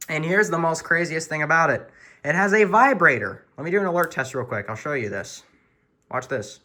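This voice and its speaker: A man with a sharp, higher-pitched voice walks through his collection of weather radios. It is a casual show-and-tell filmed in his room at home, delivered with informal, earnest hobbyist energy.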